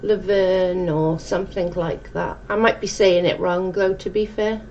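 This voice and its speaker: Reading out live comments and chatting casually, this fortysomething livestream host from South Wales has a low, darkish voice with fairly even intonation and an unhurried pace. She's in a dim room at home, and the audio comes through muffled with plenty of room noise.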